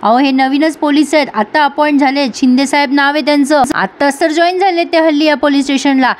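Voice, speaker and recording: Pompous male politician patriarch, voiced by a woman, lecturing, high-pitched. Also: steady tone, a little fast, natural voice.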